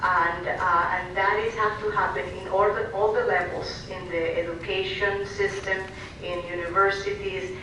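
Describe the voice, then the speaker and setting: An earnest woman speaks on a panel, often stopping and restarting her sentences. Her voice sits at a middle pitch. It is picked up from a distance in a very echoey hall, with steady noise underneath. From Venezuela. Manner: earnest, halting with many restarts. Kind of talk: panel discussion. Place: large hall at a public panel.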